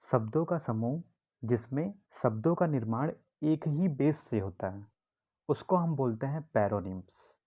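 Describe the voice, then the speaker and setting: A man's voice: medium pitch, expressive, measured pace, mellow, dull audio. A man teaching vocabulary in a classroom style, asking his own questions and repeating key words to explain them. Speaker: English teacher.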